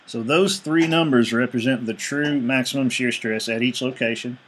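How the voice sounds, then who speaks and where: A man recording a screencast lecture on a desktop mic, talking through calculations one step at a time. His voice sits at an ordinary middle pitch, and he reads figures aloud in a steady, matter-of-fact way. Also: moderate pace. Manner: steady step-by-step explaining, reading out numbers. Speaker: engineering instructor.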